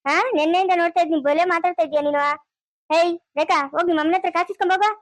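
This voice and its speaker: A woman in an amateur village family drama, scolding and quarrelling loudly and fast. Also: extremely high pitch, fairly even intonation, no echo. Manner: shouting, scolding, rapid quarrelling.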